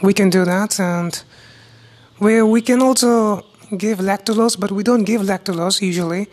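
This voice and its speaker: A young woman from India with an Indian accent, a newly qualified doctor hosting her own medical podcast, talking alone in a halting way with many restarts and speech that is not very clear. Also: mid-range voice, a little mellow. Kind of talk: solo medical podcast talk.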